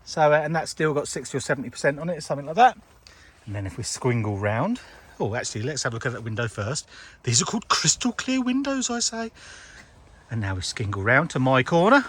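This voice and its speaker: A man's voice: mid-range voice, big pitch swings, brisk, fairly bright tone, breathy edge. A British man chatting casually and jokily through a camping vlog, showing off a tent. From United Kingdom. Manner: jokey, chatty, laughs often. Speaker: vlogger giving a tent tour. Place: inside a large tent at a campsite.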